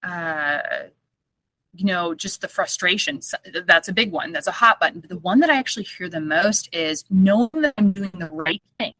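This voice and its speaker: A woman speech therapist chats on a podcast with a bright, forceful voice, animated and playful as she acts out small scenes with quick laughs. The sound is dry and close, with no room echo. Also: lowish voice. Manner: animated storytelling with playful acted-out quotes and laughter. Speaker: guest speech-language pathologist. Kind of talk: casual podcast interview.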